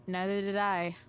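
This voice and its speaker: A sardonic, rebellious teenage girl for a video game. She sounds casual and sarcastic, and her pace is unhurried, with words drawn out at a mid-range pitch. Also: smooth. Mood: dry, mocking.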